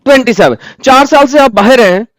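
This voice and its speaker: A man's voice: very high-pitched, a little fast, no room sound. A man co-hosting a live online religious debate, pressing and cross-examining a caller with a mocking edge. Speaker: debate co-host.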